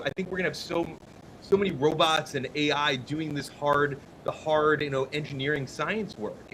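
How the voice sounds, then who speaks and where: A man on a livestream panel speaking earnestly, often repeating words as he finds them. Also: a bit bright. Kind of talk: casual panel chat. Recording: noisy stream audio with rumble.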